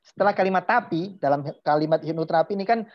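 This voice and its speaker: A man delivers a motivational talk in a hypnotherapist's manner. He jumps from loud, emphatic exclamations to quiet, drawn-out asides. The recording sounds dull and lo-fi. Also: sits high. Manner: emphatic, swings between loud exclamations and soft, slow asides.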